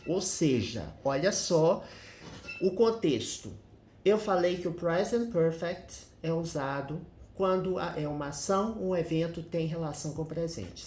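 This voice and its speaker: A male English teacher walks through grammar in a slow, unhurried way. He explains methodically and keeps checking in with short tag questions. His voice carries a roomy echo. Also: on the high side, darkish tone.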